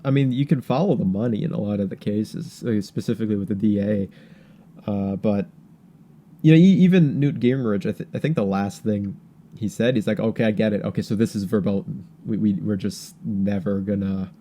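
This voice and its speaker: A podcast host offers casual political commentary in a lowish, mellow voice, rambling and halting with stammered repetitions.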